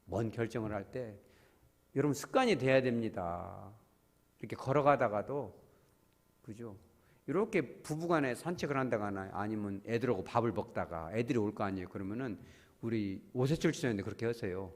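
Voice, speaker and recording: Animated pastor preaching in a reverberant church. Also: male voice, lowish voice, brisk. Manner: animated, acts out little quoted dialogues; calls on the congregation directly. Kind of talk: sermon. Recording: long church-hall reverb.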